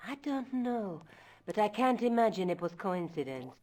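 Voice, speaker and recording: A woman's voice: medium pitch, very animated, normal speed, a little mellow, close to an everyday voice, rough recording. A woman voicing a self-assured young journalist in a video game, dry and matter-of-fact.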